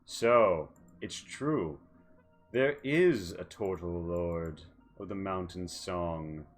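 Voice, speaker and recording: A man's voice: deep voice, extremely slow, faint music behind. A man playing a sly, predatory wolfish creature of the woods in a tabletop game, taunting in formal words. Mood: menacing. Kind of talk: tabletop role-play in character.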